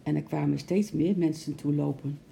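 A woman narrating a children's story aloud in a gentle, expressive way. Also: low-pitched, moderate pace, vocal fry, a little hiss or hum.

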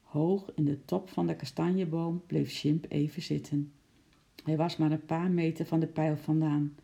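Dark, gravelly storybook narrator. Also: mid-range voice, level tone, moderate pace. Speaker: audiobook narrator. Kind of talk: children's story reading.

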